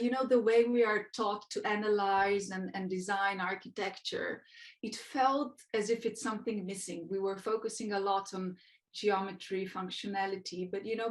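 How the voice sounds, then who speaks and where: Woman guest, architect, thoughtful and casual, mid pitch. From Slovenia. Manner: thoughtful, many fillers and "like". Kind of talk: casual interview.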